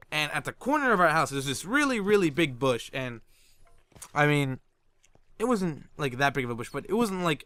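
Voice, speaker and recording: A man's voice: mid-range voice, a bit bright, clean tone. A man who makes gaming videos, telling a funny childhood story in a casual, rambling way, full of "like" and swearing, and laughing at his own punchlines. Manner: rambling, with lots of "like" and profanity. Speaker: gaming YouTuber.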